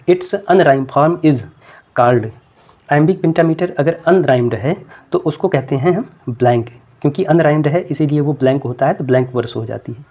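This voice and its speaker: A man teaching English literature terms for an exam, asking questions and repeating each answer back, reading English question lines out slowly. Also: on the high side, dark tone, dull audio. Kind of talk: exam-prep lecture.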